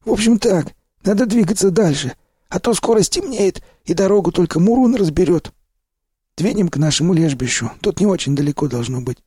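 A man reading an audiobook, voicing a hoarse, gruff male stalker who leads the group. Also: high-pitched, animated, brisk, mellow, dry recording, clean studio sound, voice pushed up. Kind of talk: audiobook character voice.

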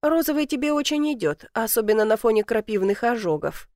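A woman reading the lines of a mocking, self-assured young man in an audiobook, with a dry, teasing, deadpan delivery. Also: a little high, brisk, no room sound.

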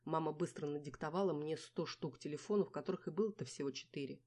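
A woman reading a first-person novel aloud as narrator, in a wry, lively storytelling manner. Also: deep voice, fast talker. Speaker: audiobook narrator.

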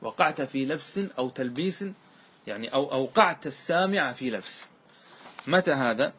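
A man teaching a classical grammar lesson as a sheikh, explaining step by step, often checking that listeners follow, and drawing out example words slowly when he recites them. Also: medium pitch, lively intonation, a bit bright, breathy edge.

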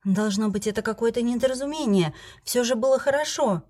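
A woman voicing a gentle, puzzled male lord who speaks softly and soothingly. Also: a little high, fairly quick, pitched above the performer's own voice, close to an everyday voice. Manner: soft, soothing and reasoning.

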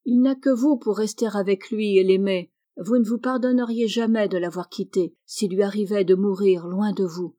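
A sensible sixteen-year-old girl giving advice, as a woman reads her, motherly and earnest. Her tone is warm and mellow, at a middle pitch. A storybook reading. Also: fairly even intonation, normal speed, few pauses, close to an everyday voice.

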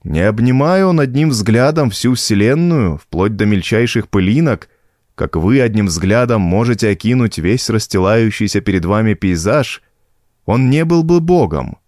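A man voicing an old village priest, gentle but firm, speaking in a calm preaching tone. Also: lowish voice, moderate pace, dry recording, clean studio sound, lightly acted. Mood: solemn.

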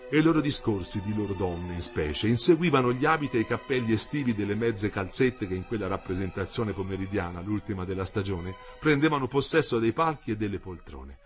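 A man narrating a literary novel in a measured, even reading. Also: on the low side. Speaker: audiobook narrator.

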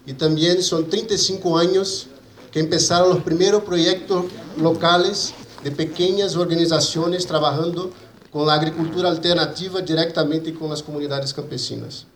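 A man with a Brazilian Portuguese accent and native Portuguese gives a conference presentation in a halting mix of Spanish and Portuguese, repeating and rebuilding his words. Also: on the high side, steady tone. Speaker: conference speaker for an agroecology movement. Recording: roomy echo, faint background noise.

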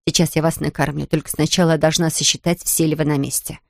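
A woman's voice: sits low, flat delivery, quick pace, gravelly, no room sound, studio quality. A woman voicing a firm, commanding mother of a large family in a children's storybook reading. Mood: stern. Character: stern mother of a big family.

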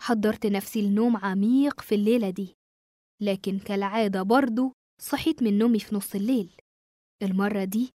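A woman with an Egyptian accent narrating a first-person horror story in a hushed, suspenseful way. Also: medium pitch, no room sound, studio quality. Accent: Egyptian Arabic.

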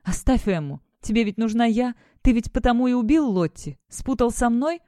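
A woman's voice: a little high, expressive, moderate pace, warm tone, no room sound, clean studio sound, pitched above the performer's own voice, lightly acted. A woman voicing a frightened but defiant young heroine who speaks in a trembling, tearful voice.

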